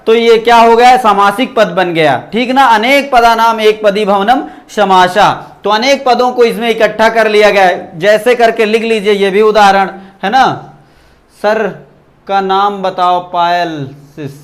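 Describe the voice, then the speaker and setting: A man's voice: high-pitched, steady tone, normal speed, hardly any pauses. A man teaching a grammar class online, repeating each point and checking in with his students often. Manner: repetitive, checks in with "ठीक ना" after points. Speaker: Sanskrit teacher.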